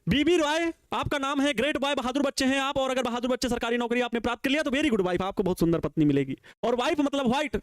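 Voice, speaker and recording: A man's voice: very high voice, rapid-fire, hardly any pauses. A man teaches physics in a playful, jokey style. He asks a question, answers it, then repeats it back, and often teases his students. The sound is dry and close, with no room echo. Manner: playful, teasing, laughs at his own jokes. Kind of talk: jokey classroom lecture. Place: small teaching studio with a digital board.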